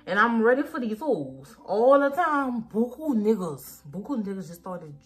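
A woman's voice: on the high side, very animated, normal speed. A young woman, tipsy and rambling, chatting casually in profane slang and repeating herself as she tells a story. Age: young adult. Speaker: makeup vlogger. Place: small dim room indoors. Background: faint music.

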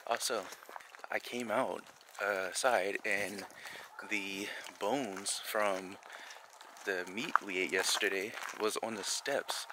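A man's voice: on the low side, slow, background noise. A young man with a lisp and slushy s sounds, chatting casually to camera as he vlogs outdoors. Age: young adult. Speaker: vlogger. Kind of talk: casual vlog chat. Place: outdoors on wooded trails and a campsite.

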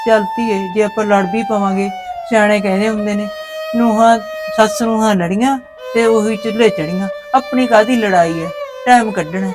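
A woman's voice: medium pitch, steady tone, normal speed, over music, natural voice. A woman with a Malwai Punjabi accent playing a worried, kindly village mother-in-law who consoles and quotes proverbs. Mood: tender. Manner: grieving, consoling, proverb-quoting. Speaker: actor in a village short film. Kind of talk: village family drama.

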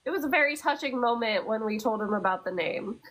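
A woman's voice: a little high, expressive, brisk, fairly bright tone, rough recording. A young adult woman co-hosting a podcast, telling stories in a casual, chatty way with plenty of fillers. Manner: chatty storytelling with many fillers. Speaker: podcast co-host. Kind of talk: casual chat.

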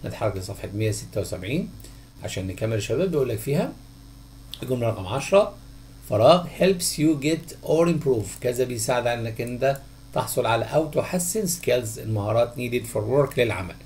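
Male Egyptian tutor, mid-pitched and gravelly, recorded over a faint hum. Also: expressive, a little mellow. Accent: Egyptian Arabic. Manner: questions the class, then answers himself in a drawn-out voice. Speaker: English teacher. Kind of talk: textbook answer walkthrough.

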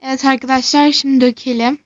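A young woman casually narrating a toy role-play, muttering softly to herself as she goes. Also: high voice, level tone, quick pace, dry recording, dull audio. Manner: chatty, softly muttering asides.

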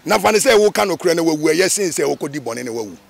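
A man from Ghana, a Rastafarian being interviewed, talking in an animated, emphatic way with many repetitions. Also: on the high side, racing, gravelly, slightly rough, dry recording. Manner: animated, emphatic, with repetitions and sudden sung phrases. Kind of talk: casual interview talk.

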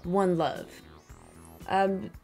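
A woman's voice: mid-range voice, fairly even intonation, extremely slow, gravelly, mellow, soft background music. A young woman talking through her year as a gaming YouTuber, chatty and candid, swearing freely. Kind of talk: casual year-in-review vlog.

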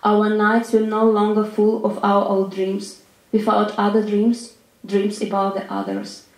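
A woman from Ukraine, a writer giving a measured, deliberate reading of her own literary prose. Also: medium pitch, completely flat delivery, darkish tone. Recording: roomy echo.

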